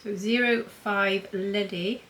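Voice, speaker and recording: A woman's voice: medium pitch, fairly even intonation, slow, a bit bright, slight background noise, rough recording. A woman demonstrating makeup in a chatty vlog, thinking aloud as she applies blush and powder. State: talking with a mint in her mouth. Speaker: beauty vlogger.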